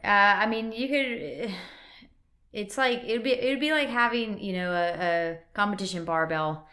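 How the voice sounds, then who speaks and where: Speaking at a moderate pace in a mid-range voice that sounds pushed and bright, this thirtysomething woman is a podcast guest who coaches CrossFit and owns a gym. Her accent mixes Northern and Southern US, reflecting Wisconsin and North Carolina, and she explains things at length in a casual, filler-heavy way. She's recorded in a physical therapy clinic.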